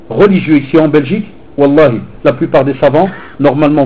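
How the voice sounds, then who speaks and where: Guy preaching to teens, kinda husky, animated, dull lo-fi recording. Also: a little high. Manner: animated, switches between street talk and religious phrases. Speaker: teacher and preacher. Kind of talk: informal sermon to teenagers. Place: hall in Belgium.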